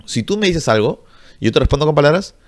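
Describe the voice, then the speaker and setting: A man's voice: a little high, lively intonation, fast talker. A young man, ranting bluntly and profanely to camera in a casual vlog. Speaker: vlogger.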